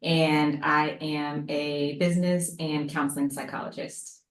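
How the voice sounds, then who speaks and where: A woman's voice: low-pitched, little pitch movement, unhurried. A woman in her thirties from the United States, a psychologist guest chatting casually on a video call, with fillers and laughing asides. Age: 30s. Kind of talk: casual panel talk. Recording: echoey room on video call.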